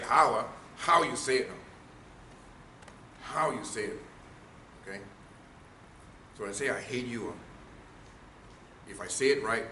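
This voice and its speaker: A male trainer lectures a room, punching key words and checking in with "okay?" and "right?". His voice is bright and forceful. The sound is roomy with a faint hiss behind it. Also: mid-range voice. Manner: emphatic, asks the room questions. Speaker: speaking trainer. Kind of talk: workshop lecture. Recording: echoey room, faint noise.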